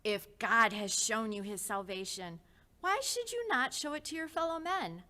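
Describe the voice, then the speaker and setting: A woman voicing an earnest, devout older man who pleads slowly and insistently, like a preacher, in a dramatized history story. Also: fairly high pitch, animated, pushed and bright. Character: fervent devout older male host, insistent. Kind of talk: storytelling reenactment.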